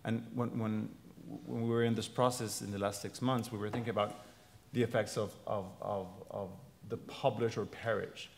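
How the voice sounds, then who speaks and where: Man, panelist, gravelly, halting repetitions, long hall reverb. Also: lowish voice, level tone, slight background noise. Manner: hesitant, repeats words often while searching for phrasing. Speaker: panelist, political scientist. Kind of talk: answering audience questions on a panel.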